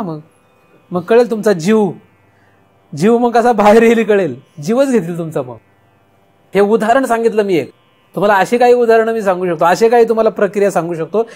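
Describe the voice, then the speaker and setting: High-voiced Marathi man giving a discourse. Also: a little mellow. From India. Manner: rhetorical questions answered himself. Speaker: spiritual teacher. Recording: faint music in background.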